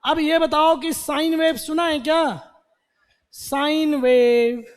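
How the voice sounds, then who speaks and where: An English teacher runs a vocabulary lesson, repeating words and quizzing the class with questions. His very high, slightly bright voice stays monotone at a moderate pace. Long hall reverb surrounds the recording.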